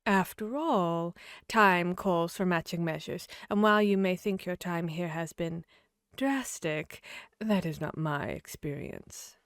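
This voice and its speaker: A sly, grinning Wonderland cat, acted by a woman for an ASMR audio roleplay. The creature drawls very slowly, teasing and fickle, as if every sentence were a riddle. The sound is close and dry. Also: on the low side, clean tone, no room sound. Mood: teasing, musing. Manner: slow, playful, riddling drawl.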